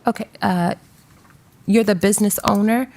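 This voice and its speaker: A woman presiding as magistrate at a code hearing, speaking in a measured, procedural way with fillers, captured in a courtroom recording. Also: medium pitch, steady tone, background noise. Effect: courtroom recording from a hearing room. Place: public hearing room.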